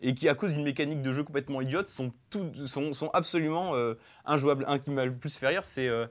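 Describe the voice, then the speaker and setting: Male guest, fast talker, casual and animated. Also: mid-range voice. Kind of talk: casual chat.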